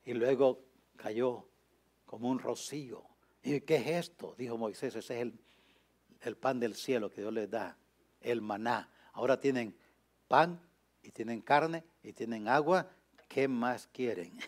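A man preaching a sermon as a pastor, swinging from quiet, confiding asides to loud, impassioned climaxes, speaking to radio listeners. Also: mid-range voice, a little slow. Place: radio broadcast.

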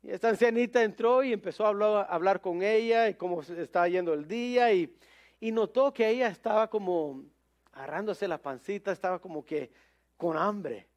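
A man's voice: high voice, normal speed. A man preaching a sermon, telling a story conversationally with many fillers and English words mixed in.

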